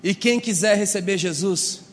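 High-voiced Brazilian pastor in a hall. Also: male voice, moderate pace. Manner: animated, acts out quoted voices. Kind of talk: humorous sermon with storytelling. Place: church hall.

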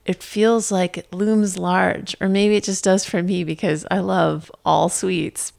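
Woman co-host, slow, gravelly, playful, laughs often. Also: medium pitch, fairly even intonation, darkish tone. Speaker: podcast co-host. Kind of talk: casual chat. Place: Somerville, Massachusetts.

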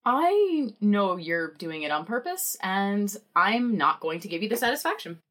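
A woman's voice: medium pitch, sing-song, measured pace, a bit bright. A woman playing an earnest, anxious young librarian sidekick in a noir audio drama, pleading and exasperated.

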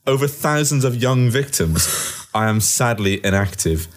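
Guy running a silly quiz on a podcast, deadpan but keeps cracking up, voice swings up and down a lot. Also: mid-range voice. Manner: deadpan, giggly, halting restarts. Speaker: quiz host. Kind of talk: casual comedy podcast banter.

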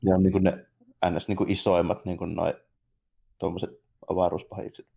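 Here a podcast co-host with a low-sitting voice drifts through a casual film conversation with his partner. He sounds creaky, husky, and mellow, speaking flatly in a colloquial, rambling manner with loose phrasing.

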